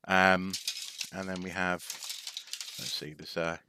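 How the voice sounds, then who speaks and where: Deep-voiced man rambling over his collection. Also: flat delivery, takes it slowly, noisy background. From North Wales. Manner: hesitant, lots of ums and restarts, wry asides. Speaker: live streamer. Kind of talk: casual rambling show-and-tell.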